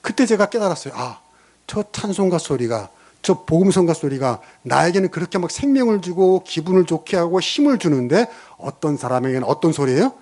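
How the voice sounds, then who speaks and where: Male pastor, middle-aged, sermon. Lively, slightly high voice, storytelling and questioning the congregation. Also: a little fast.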